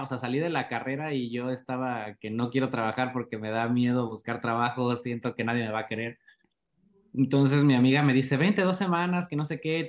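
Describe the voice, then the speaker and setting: A man with a Mexican accent, a guest on a podcast, telling lively anecdotes and acting out the dialogue in them. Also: medium pitch. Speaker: animator guest. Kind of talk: casual podcast interview.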